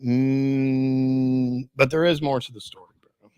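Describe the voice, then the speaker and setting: A podcast storyteller with a mid-range, warm voice tells a story casually and animatedly, though his delivery is flat and he takes it slowly. His phrasing is slangy and emphatic, he repeats phrases often, and he keeps saying "bro" and "dude." The sound is clean, with no echo.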